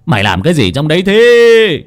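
A man's voice: on the high side, huge pitch swings, normal speed, voice pushed up. Man doing a cursing bullying old village elder. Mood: angry. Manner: gruff scolding, cursing.

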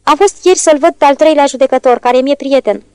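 A stern, contemptuous older lawyer from a storybook, curt and condescending, as a woman reader puts him on. The voice is high and the sound dry and close. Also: warm tone, no echo, natural voice.

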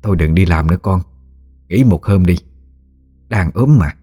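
An elderly mother, voiced by a male narrator in a spoken horror story fusses and gently scolds her grown son. The voice stays low and deep, close to the narrator's own. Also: expressive, normal speed, husky, soft background music. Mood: fussing. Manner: scolding, fussing. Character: elderly mother, fussing and caring.

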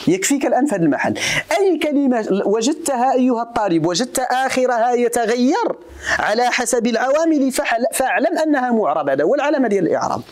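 A Moroccan man teaching grammar at a brisk clip. His voice swings widely up and down as he fires questions at the class and switches between formal exposition and casual asides. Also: extremely high pitch, very animated. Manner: quizzes students, mixing formal Arabic with colloquial asides. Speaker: religious teacher. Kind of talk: grammar lesson to students.

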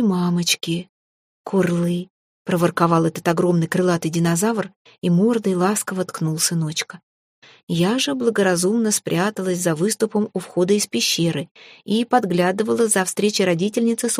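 A woman narrating a first-person fantasy tale in a lively, wry, chatty way. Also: mid-range voice, a little fast, dry recording. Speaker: audiobook narrator.

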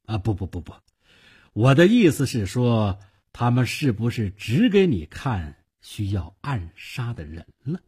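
Man reading as sly older rich uncle, husky and unhurried, calm persuasive manner. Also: mid-range voice, exaggerated voice. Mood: calm scheming. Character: shrewd older wealthy male uncle, calm and scheming.

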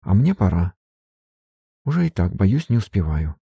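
A man voicing a young lady singer who speaks softly but firmly. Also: medium pitch, very animated, moderate pace, gravelly, slightly rough, no echo, muffled recording, pitched above the performer's own voice, heavily acted. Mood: tender.

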